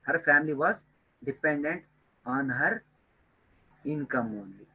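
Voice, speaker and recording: A man's voice: a little high, animated, unhurried, bright, forceful tone, husky, low-quality recording. A man giving a time management webinar lecture, earnestly repeating key points and addressing listeners as dear friends.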